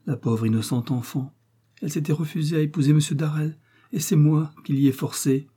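A fretful, tender older innkeeper's wife, pleading and anxious, as a male audiobook reader puts her on. The voice is mellow and slightly husky, lifted a little above the reader's own. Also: fairly high pitch, fairly even intonation, brisk, voice pushed up. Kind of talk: audiobook character reading.

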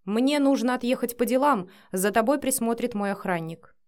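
A woman's voice: fairly high pitch, moderate pace, natural voice. A woman voicing a short-tempered adult father in an audiobook, speaking curtly and giving orders. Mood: horrified. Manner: curt, commanding, flares into shouting. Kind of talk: audiobook character voice.

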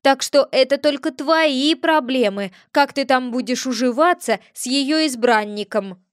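A woman's voice: high-pitched, a little slow, no echo, studio quality. A woman voicing a nosy, folksy male house spirit who lectures in a homespun way. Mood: lecturing.

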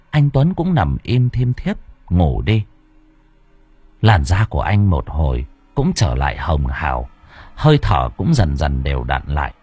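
Man, audiobook narrator, wildly swooping intonation, low husky voice, dry close sound. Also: dry recording. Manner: expressive, dramatic. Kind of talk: dramatic storytelling.

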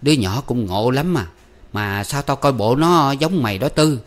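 A man voicing a sharp-tongued, scolding middle-aged village mother who nags her grown son. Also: mid-range voice, animated, normal speed, pitched above the performer's own voice, close to an everyday voice. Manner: nagging, scolding.

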